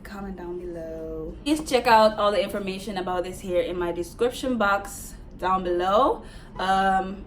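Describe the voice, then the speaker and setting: A woman beauty vlogger doing a casual unboxing, chatty and excitable, talking straight to her viewers. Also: mid-range voice, far from the mic, slight background noise.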